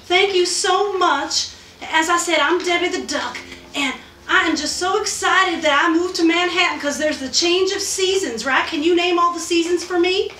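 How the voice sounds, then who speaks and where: A woman's voice: very high-pitched, moderate pace, pushed and bright, distant mic, slight background noise. A woman voicing a bubbly female duck who interviews people in a gushing, sing-song, overly sweet manner. Her voice is recorded off-mic with roomy echo. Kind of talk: children's puppet interview.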